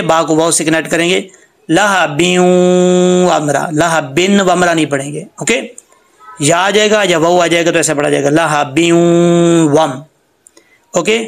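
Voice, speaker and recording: A man with a high, gravelly voice runs a screen-recorded lesson at his computer, explaining each rule patiently. He repeats the words slowly and stretches the recited phrases out in a chant. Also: a bit bright. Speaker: Quran reading teacher.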